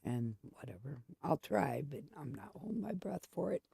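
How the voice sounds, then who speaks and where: A woman's voice: low voice, sing-song, normal speed, vocal fry, warm tone, husky. A woman hosting a gaming video, chatting casually and candidly in a rambling, storytelling way while she plays. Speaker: gaming channel host. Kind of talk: casual chat while playing a game.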